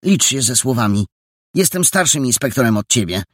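A man voicing a slow-witted, easily offended young boy in a storybook, hesitant and stammering. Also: mid-range voice, animated, fairly bright tone, dry recording, studio quality, pitched above the performer's own voice. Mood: puzzled, touchy. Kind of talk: audiobook character voice.

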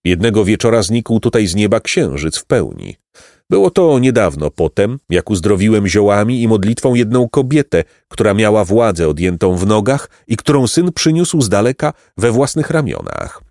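A man voicing a kindly, wise hermit over a hundred years old, speaking gently and with a chuckle, in a storybook reading. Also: fairly low pitch, sing-song, moderate pace, no room sound, clean studio sound, voice pushed up. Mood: gentle. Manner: gentle, sweet-voiced, chuckling. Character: kindly ancient male hermit, wise and merry.

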